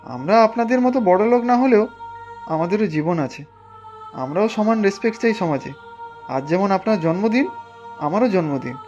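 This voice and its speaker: An actor voices a polite, humble young delivery boy in animated cartoon dialogue, pleading in a respectful, earnest way. His high-pitched, darkish voice is animated and brisk with long pauses, and the muffled recording has faint music behind it.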